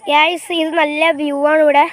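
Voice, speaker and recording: Cycling past rural fields and a canal, a woman vlogs a casual walking tour on an old phone camera. Her high voice barely moves in pitch as she speaks haltingly, repeats herself and keeps saying "guys."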